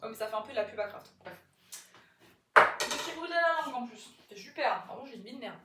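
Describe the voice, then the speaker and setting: A woman's voice: fairly high pitch, quick pace. A young woman from Quebec whose accent shifts between French and Québécois, chatting and swearing casually while she cooks in her home kitchen. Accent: mixes French and Québécois accents. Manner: chatty, rambling, swears freely. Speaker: vlogger. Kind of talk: casual chat while cooking. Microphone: phone camera. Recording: echoey room with steady background noise.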